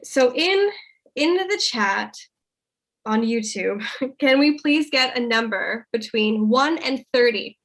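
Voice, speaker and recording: A woman's voice: fairly high pitch, animated, takes it slowly, a bit bright. A woman co-hosting an improv live stream in a casual, chatty style. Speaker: improv show co-host.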